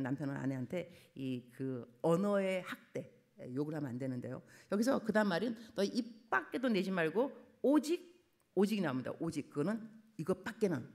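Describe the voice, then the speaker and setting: A middle-aged woman missionary preaching a sermon in a church, acting out quoted family talk in lively voices. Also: on the low side. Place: church sanctuary.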